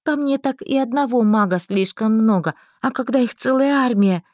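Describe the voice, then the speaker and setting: Mellow-voiced woman narrating a novel. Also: fairly high pitch, normal speed, no room sound, clean studio sound. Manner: lively storytelling, voicing every figure. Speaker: audiobook narrator. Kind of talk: first-person novel narration.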